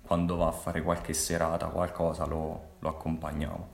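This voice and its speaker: A man's voice: very deep voice, completely flat delivery, normal speed, creaky. A man in his twenties with a Molise accent, chatting casually as an interview guest. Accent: Molise, from Agnone. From Molise, Italy. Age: 20s. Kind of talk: casual chat. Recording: roomy, echoing sound.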